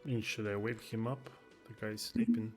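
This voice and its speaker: A man casually commenting on his gameplay, thinking aloud in a relaxed, hesitant way. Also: lowish voice, normal speed. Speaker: gameplay streamer. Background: faint game music.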